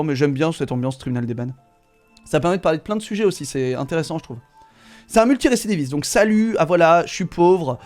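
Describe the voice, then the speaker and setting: A man streaming live, casually reading and answering his chat, swearing and laughing along. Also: on the high side. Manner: relaxed, swears, laughs often, talks to chat.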